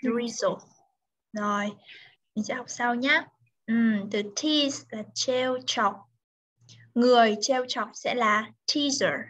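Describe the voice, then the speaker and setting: A woman's voice: a little high, slow, long pauses, fairly bright tone. A woman tutoring English over a video call, patiently correcting pronunciation word by word. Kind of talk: online English lesson, mixing Vietnamese and English. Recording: dull lo-fi video call audio.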